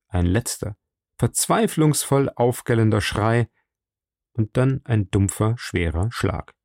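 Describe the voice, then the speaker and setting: A man reading a story aloud as narrator, in a measured, dramatic storytelling manner. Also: on the low side, creaky, warm tone, no echo, clean studio sound. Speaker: audiobook narrator. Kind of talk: scripted narration.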